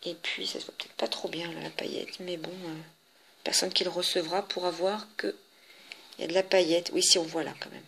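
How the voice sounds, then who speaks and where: A French-accented woman chats through her handmade cards, stopping and restarting often as she goes. Her voice is bright and forward. A faint hiss runs under the recording. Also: on the low side, little pitch movement, vocal fry. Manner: chatty, halting, many fillers and restarts. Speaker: papercraft vlogger. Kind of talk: casual show-and-tell of handmade cards.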